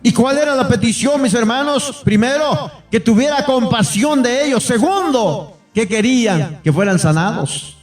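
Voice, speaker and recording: A man's voice: very high-pitched, lively intonation, moderate pace, far from the mic. A male pastor preaching a fervent sermon to his congregation, repeatedly calling them brothers and acting out pleas in a raised voice. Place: church hall. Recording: echoey room, off-mic, faint music.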